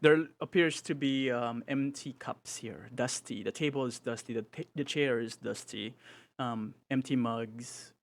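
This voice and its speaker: A man's voice: medium pitch, normal speed, vocal fry, few pauses. A man narrating a tabletop game as game master, describing the action and laughing along with his players.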